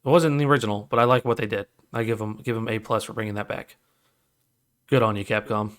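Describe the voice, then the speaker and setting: A man's voice: on the low side, fairly even intonation, quick pace, fairly bright tone. Easygoing man rambling on a podcast. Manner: easygoing, rambling with fillers and restarts. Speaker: podcast co-host. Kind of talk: casual chat.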